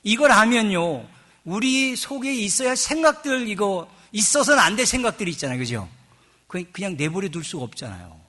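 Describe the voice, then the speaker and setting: A middle-aged man preaching a sermon as pastor. He swings between hushed asides and loud emphasis and acts out quoted voices in a chatty, joking tone. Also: high voice, sing-song, brisk.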